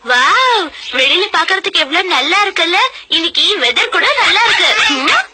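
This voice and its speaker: A woman's voice: very high voice, animated, moderate pace, very noisy. A woman voicing a young, bossy mother in a cartoon dub, scolding and fussing over her kids and cooing at the baby. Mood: cheerful. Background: loud background music.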